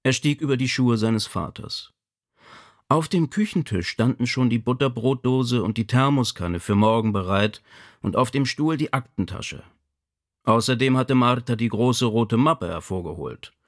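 Brief: male audiobook narrator, expressive and measured, gravelly edge. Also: medium pitch. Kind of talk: scripted narration.

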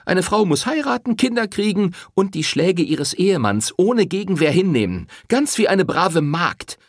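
A man reading an audiobook, voicing a furious, defiant young woman who shouts her accusations. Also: high-pitched, sing-song, normal speed, no echo, studio quality, pitched above the performer's own voice, heavily acted. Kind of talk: audiobook character voice.

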